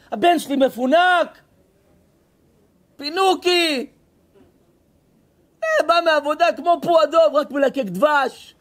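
A meddling, pushy mother-in-law, put on by a male preacher in a raised, sing-song voice. She coaxes sweetly and schemes. The voice is pitched well above his own and stays loud.

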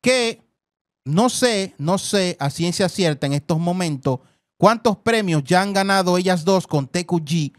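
A man's voice: high-pitched, animated, a little slow, no echo. Effusive man hosting celebrity news. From Dominican Republic. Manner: effusive, repeats words, calls viewers "family". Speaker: entertainment news host. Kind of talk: celebrity news commentary over clips.

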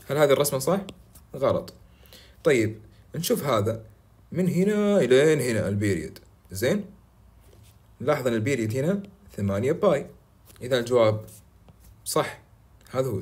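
A young man tutoring math, walking step by step through exam questions, often checking in with "right?" and reading English questions slowly. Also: mid-range voice, a little mellow. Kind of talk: exam walkthrough lesson.

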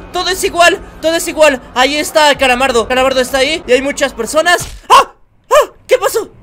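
A man's voice: sits high, sharp tone. A young man with a Mexican accent, a gaming YouTuber, narrating a horror game and jumping into frantic screams. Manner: jumpy, breaks into frantic screams. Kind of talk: horror game let's play commentary. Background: faint game music.

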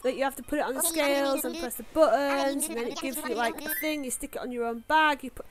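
Chatty high-voiced Yorkshire woman. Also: fast. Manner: chatty, rambling, lots of "like" fillers. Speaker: gaming YouTuber. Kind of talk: casual gameplay commentary. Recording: music playing behind the voice.

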